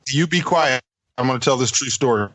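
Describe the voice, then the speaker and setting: A man's voice: mid-range voice, fairly quick, a bit bright, dry recording. A man, a co-author guest on a remote call, tells stories in a teasing way and chuckles along. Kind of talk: casual remote interview chat.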